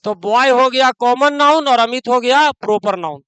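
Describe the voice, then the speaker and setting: A male grammar teacher lectures his class in a very high, smooth, clear voice. He breaks off to scold his students in local dialect. The sound is dry and close. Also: moderate pace, sharp tone, no echo, low-quality recording.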